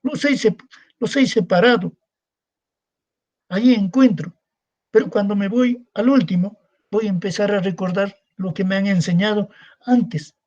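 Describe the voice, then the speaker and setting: A man's voice: high-pitched, measured pace, long pauses, a little mellow, rough recording. A male secondary school teacher giving a recorded class, repeating points and asking rhetorical questions that he answers himself. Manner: repetitive, asks rhetorical questions and answers them. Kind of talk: recorded online class lecture.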